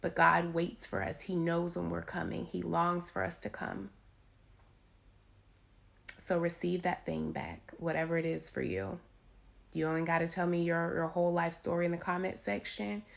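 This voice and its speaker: A woman with a raspy voice giving an informal, emphatic devotional talk into her phone, repeating key phrases. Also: on the low side, moderate pace. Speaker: faith vlogger giving encouragement. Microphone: handheld phone.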